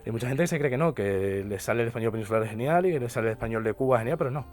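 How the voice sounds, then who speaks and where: A man's voice: mid-range voice, expressive, rapid-fire, darkish tone. A young man with a Canarian accent, a linguist and poet talking as a radio guest, explaining at length and often adding tag questions. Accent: Canarian Spanish. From Canary Islands. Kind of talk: radio interview conversation. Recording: radio studio with faint music behind.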